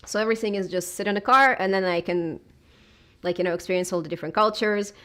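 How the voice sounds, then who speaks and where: A woman's voice: medium pitch, quick pace, fairly bright tone. A woman in her thirties from southern Russia, with a Russian accent, who chats casually and hesitantly in an interview and fills her talk with many filler words. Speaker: YouTuber being interviewed.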